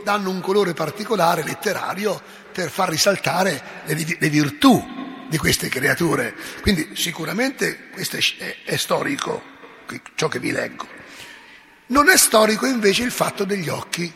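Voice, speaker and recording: Male preacher, bright, gravelly, storyteller who asks the congregation questions, echoey church. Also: on the high side. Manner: animated storytelling, asks listeners directly. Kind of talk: sermon. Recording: echoey hall.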